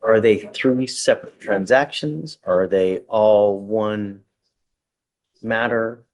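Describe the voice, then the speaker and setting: A man's voice: fairly low pitch, slow pace, a little mellow. A male judge presiding over a hearing in a courtroom, plain-spoken and conversational, with a joking side.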